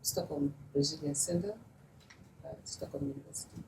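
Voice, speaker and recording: A young woman introducing herself briskly with some fillers. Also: deep voice, steady tone. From Namibia. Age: young adult. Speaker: master's student. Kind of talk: self-introduction. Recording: echoey room, distant mic, noise.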